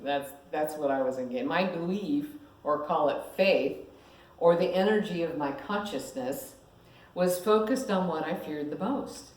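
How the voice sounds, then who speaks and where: Casting note: woman minister, low voice, animated storyteller preaching in an echoey room. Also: unhurried. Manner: animated storyteller, laughs at herself. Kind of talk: sermon with personal storytelling.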